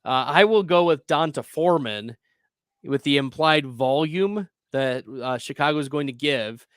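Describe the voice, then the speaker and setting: A man hosting a casual fantasy football advice chat, upbeat and quick to laugh. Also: fairly high pitch, a bit bright, clean tone, dry recording, studio quality. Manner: chatty, upbeat, laughs easily. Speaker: fantasy football show host.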